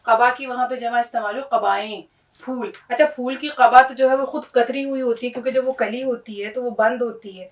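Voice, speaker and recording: A woman's voice: a little high, fairly bright tone, distant mic, poor audio. A woman teaching Urdu pronunciation, patiently explaining each word and checking in with her listeners.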